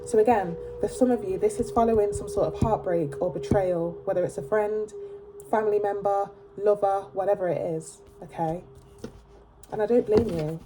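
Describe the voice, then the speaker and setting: A woman's voice: medium pitch, fairly even intonation, normal speed, dark tone, a little hiss or hum. A woman with a blocked nose giving a casual tarot reading to camera, chatty and emphatic, often checking in with "okay?". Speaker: tarot reader.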